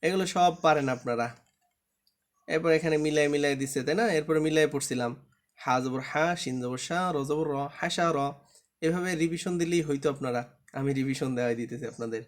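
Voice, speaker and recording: A man's voice: on the high side, brisk. A man teaching a Quran reading class online, patiently drilling letter sounds and asking the class to check understanding.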